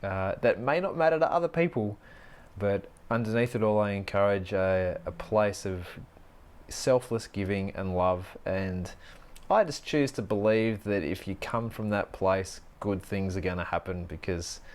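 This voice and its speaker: A middle-aged man hosting a solo podcast, musing earnestly on personal growth, often pausing to restart his thoughts. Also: deep voice. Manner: earnest, musing, with frequent restarts and slow stretches. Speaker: podcast host and life coach. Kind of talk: reflective solo podcast monologue.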